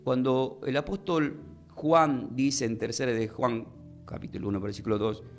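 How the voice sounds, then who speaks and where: A man teaching a Bible lesson in a sermon style. He speaks slowly and deliberately, spells out words and often asks the listeners questions. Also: medium pitch, faint music behind.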